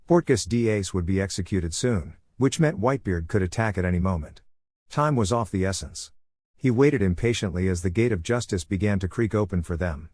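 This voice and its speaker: A man reads a fan-fiction story in a steady, measured narration. His voice sits fairly low, and the recording is close and dry, with no room echo.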